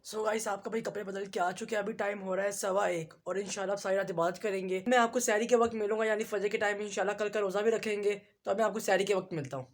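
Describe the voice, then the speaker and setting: A man's voice: sits high, fairly even intonation. A man vlogger earnestly retelling a religious story and speaking straight to his viewers. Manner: earnest, fast storytelling with direct address to viewers.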